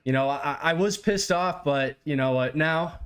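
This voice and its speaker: A young man co-hosting a sports podcast, telling a long story in an animated, exasperated way. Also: a little high, normal speed, clean tone. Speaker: podcast co-host.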